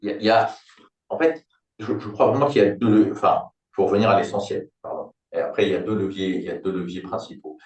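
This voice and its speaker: Speaking quickly in a lowish, darkish voice, a man in his sixties who founded a company and works as a turnaround consultant reflects on his ideas during a relaxed interview. He illustrates his points with ordinary, everyday examples. The sound is roomy, picked up from a distant microphone.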